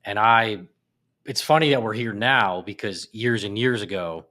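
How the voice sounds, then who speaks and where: A man talking as a podcast guest in a casual conversation, lively and enthusiastic, with animated asides. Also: on the low side, a little slow.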